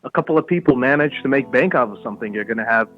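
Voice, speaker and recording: A man's voice: mid-range voice, expressive, very fast, muffled recording, faint music behind. A young man from Canada and Somalia, calling in and telling a rambling story in casual chat over the phone. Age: young adult. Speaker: caller.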